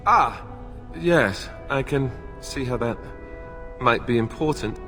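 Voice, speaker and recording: A man's voice: medium pitch, lively intonation, slow, sharp tone, faint music behind. An actor playing a boyish, sarcastic young king-to-be in a fantasy game, joking and exasperated, in a reverberant space. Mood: stunned, disbelieving. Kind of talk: dramatic fantasy game dialogue. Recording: long reverberant hall echo.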